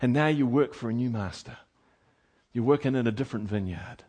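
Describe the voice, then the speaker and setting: A man preaching a sermon with passion, moving from loud exhortation to hushed tones. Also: mid-range voice, fairly quick, breathy edge.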